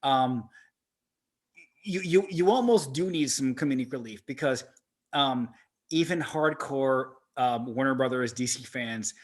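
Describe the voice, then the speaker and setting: A man co-hosting a casual movie-reaction podcast, excitable and swearing freely as he gushes over scenes. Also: mid-range voice, a little slow. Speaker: podcast co-host.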